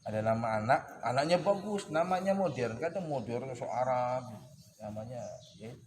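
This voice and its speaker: A man teaching a casual weekly religious study session, joking and teasing his listeners and clearing his throat often. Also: mid-range voice, lively intonation, normal speed, darkish tone, slight background noise. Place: boarding school study hall. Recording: echoey hall with clear birdsong and ambience.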